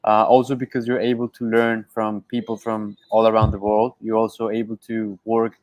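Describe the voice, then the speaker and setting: A man's voice: lowish voice, completely flat delivery, moderate pace, darkish tone, no echo, rough recording. A man who creates travel content, speaking as a guest on a webinar in a polite, easygoing way.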